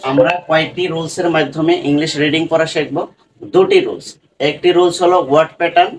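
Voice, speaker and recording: A man's voice: fairly high pitch, slight background noise. A man teaching English reading and spelling in an online lesson, breaking words into syllables and repeating them.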